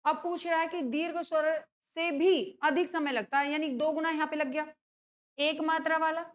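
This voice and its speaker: High-voiced woman teaching a grammar class. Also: steady tone, normal speed. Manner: checks in with students often, asks and answers own questions. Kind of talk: exam-prep grammar lesson.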